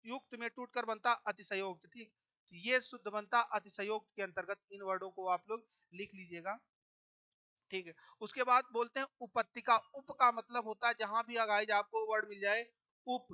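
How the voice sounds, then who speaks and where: Crisp, bright-voiced exam-prep teacher. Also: mid-range voice, lo-fi sound. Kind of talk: exam-prep lesson going through a solved test paper.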